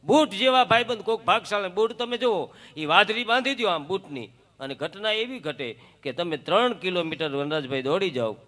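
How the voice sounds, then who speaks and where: A man's voice: sits high, animated, normal speed, a bit bright. A man, telling joking folk stories on a stage at a devotional gathering in a chatty, sing-song way. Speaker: folk storyteller and devotional singer.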